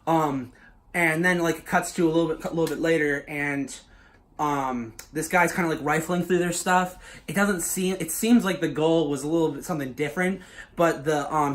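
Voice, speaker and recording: Swearing man with a higher voice, rambling. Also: a bit bright. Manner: loose, swearing, heavy with filler words. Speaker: YouTuber pitching his own fan story. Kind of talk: casual spoken story pitch.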